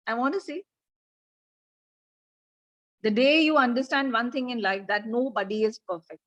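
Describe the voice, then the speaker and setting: An energetic Indian-accented woman runs a live online grooming class, voice pushed up and projected to hold attention. Her pitch sits fairly high, yet she takes her words at an unhurried, deliberate pace, switching between English and Hindi as she coaxes her students. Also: dull audio. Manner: mixes English and Hindi, coaxing and directing the class. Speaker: pageant grooming coach. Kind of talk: live online coaching session. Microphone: video call.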